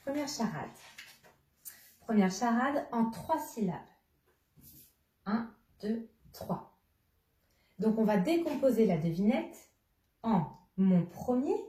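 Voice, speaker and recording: A woman teacher talks to a young child, slowly and patiently posing riddles and repeating every clue as she addresses the child directly. Her voice is fairly high, with lively intonation and a warm tone. The recording sounds roomy, with the mic somewhat distant.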